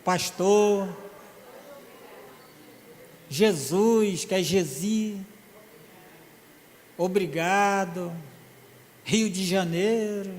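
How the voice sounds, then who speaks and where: A man's voice: high voice, drawn-out words, pauses often, a little mellow, a little hiss or hum. A man preaching a sermon, telling a story in a chatty, humorous way. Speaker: pastor. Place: church hall. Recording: long hall reverb in a church.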